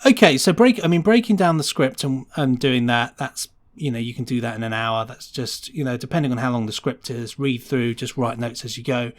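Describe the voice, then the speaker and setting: A British man speaks briskly at medium pitch, with few pauses, in a casual podcast interview. As a sound designer, he explains how he works and illustrates his points with imagined quotes.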